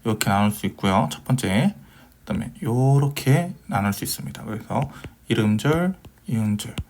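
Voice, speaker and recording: A man's voice: mid-range voice, animated, normal speed, darkish tone, slight background noise. A man giving a recorded Hebrew grammar lecture, patiently asking questions and answering them himself, with many fillers.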